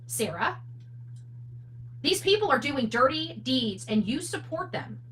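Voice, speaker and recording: On a true crime livestream, a woman with a high, sing-song, slightly bright voice answers viewer comments off the cuff, speaking a little slowly. She's blunt, opinionated and emphatic, tossing out rhetorical questions. The low-quality recording carries noticeable background noise with a hum.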